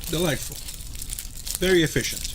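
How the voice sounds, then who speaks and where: A man's voice: a little high, normal speed, background noise. Playful man doing casual gameplay commentary. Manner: playful, rambling, sweary. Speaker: video game playthrough host. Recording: game music behind the voice.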